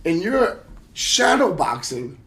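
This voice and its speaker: A man in his thirties with a notably high voice tells stories in casual talk. He is animated, acts out the dialogue, and laughs through the funny parts. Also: slow pace, gravelly. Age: 30s. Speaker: host and pro wrestler. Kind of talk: casual storytelling chat.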